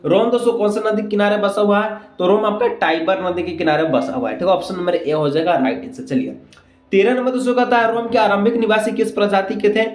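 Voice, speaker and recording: A teacher who hosts exam-prep videos works through exam questions and answers in a high, quick voice. He repeats himself a lot, using frequent check phrases and rhetorical questions as he goes. The room sound is echoey.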